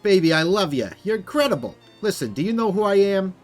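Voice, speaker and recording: A man voicing a brash, fast-talking male hat photographer who flatters everyone and calls them baby, in a video game. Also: sits high, soft background music, voice pushed up. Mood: pushy flattering.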